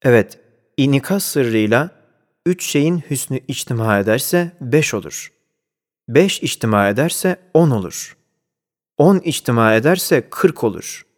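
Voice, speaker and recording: A man reading a scholarly religious commentary aloud, measured and deliberate, reciting Arabic phrases within the text. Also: mid-range voice, animated. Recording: long hall reverb.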